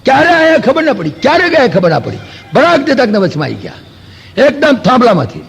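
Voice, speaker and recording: A man's voice: very high voice, brisk, vocal fry, breathy edge. A man with a Gujarati accent giving a spiritual discourse, telling stories with rhetorical questions and acting out quoted dialogue. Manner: storytelling with rhetorical questions and homely examples; acts out quoted dialogue in lively asides. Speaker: spiritual lecturer. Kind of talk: Vedanta discourse. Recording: long hall reverb.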